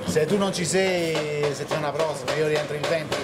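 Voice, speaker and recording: A man's voice: fairly high pitch, fairly even intonation, fairly quick, loud music behind the voice. A middle-aged man from Italy, a butcher chatting casually at an outdoor market stall and mixing in English words. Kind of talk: casual chat while working. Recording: loud street market with passing traffic.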